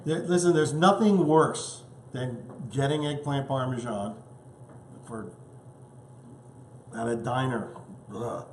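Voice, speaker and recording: A man's voice: medium pitch, slow, pauses often, reverberant, slight background noise. A man hosting a casual home cooking show, chatting eagerly as he tastes his dish. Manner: enthusiastic, chatty, tasting food as he talks.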